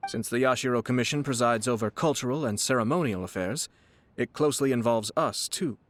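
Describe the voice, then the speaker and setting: Over music, an actor voices a courteous young nobleman and clan head in a video game, sounding formal, eloquent, composed, polite and measured. His medium-pitched voice is close to an everyday one, fairly quick, with a little hiss or hum.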